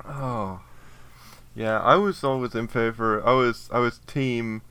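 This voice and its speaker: A speaker in casual joking chat, playful and giggly, riffing deadpan. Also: mid-range voice, slow, smooth.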